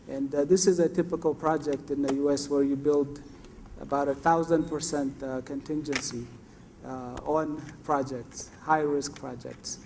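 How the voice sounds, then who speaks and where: A man's voice: fairly high pitch, creaky, mellow, slight background noise. A man from Ethiopia introducing himself on a conference panel, speaking hesitantly with many filler sounds. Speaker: panelist, exchange executive.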